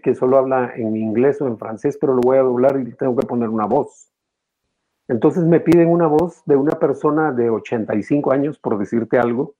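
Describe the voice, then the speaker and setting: A male voice actor and teacher, appearing as an interview guest, explains his craft in an animated, demonstrative way with wide swings in pitch. The recording is muffled.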